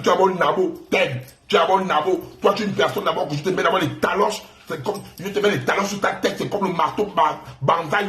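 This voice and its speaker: A man's voice: sits high, reverberant. Mocking Gabonese man taunting on a live stream. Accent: Gabonese French. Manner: mocking, taunting, repeats insults. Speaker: online live host. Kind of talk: insulting livestream rant.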